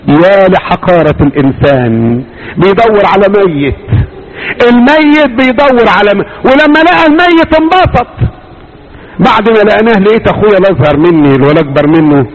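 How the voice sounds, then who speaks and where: A man's voice: animated, fairly quick. A male priest with an Egyptian accent preaching a sermon through stories, rising into impassioned cries. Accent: Egyptian Arabic. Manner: storytelling, swings to impassioned high cries. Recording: dull lo-fi recording.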